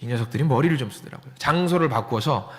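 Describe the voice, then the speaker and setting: Lively pastor preaching in a reverberant hall. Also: male voice, mid-range voice, fast. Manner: storytelling with acted dialogue and audience questions. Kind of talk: sermon. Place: church sanctuary. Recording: long church hall reverb.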